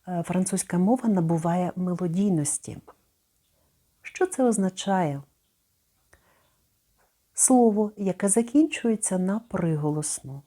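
A middle-aged woman giving a spoken lesson. She pronounces words slowly and carefully, and she repeats each one so listeners can copy her. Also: medium pitch, mellow. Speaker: French pronunciation teacher.

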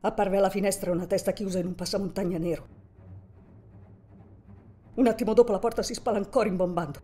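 A woman voicing a kindly seamstress in a theatrical reading, speaking gently to her guest. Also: mid-range voice, fairly even intonation, fairly quick, faint music behind, natural voice. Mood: tense narration. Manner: gentle in dialogue, rising to intense in narration. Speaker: reader voicing a character and narration.

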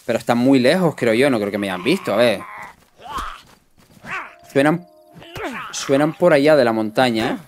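A man's voice: medium pitch, animated, moderate pace, pauses often, slight background noise. Young man, live game stream commentary, chatty, talks to viewers. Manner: chatty, greets and thanks viewers.

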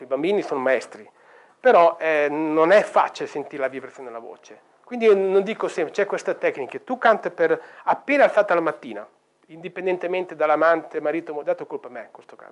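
A middle-aged man giving a lecture on sound healing in a bookshop, telling stories and singing vowels as examples. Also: a little high. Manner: chatty storytelling, demonstrates sung vowels.

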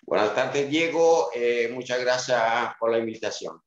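A Sicilian man in his fifties with an Italian accent speaks at medium pitch and an unhurried pace as a club director giving casual interview answers. Joining by webcam from a small room at home, he hesitates with many fillers and restarts, and the video call audio is roomy and dull.

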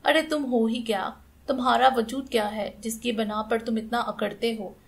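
A woman's voice: on the high side, steady tone, normal speed, creaky. A woman reading an audiobook, voicing a stern, furious middle-aged aunt who scolds harshly and commands.

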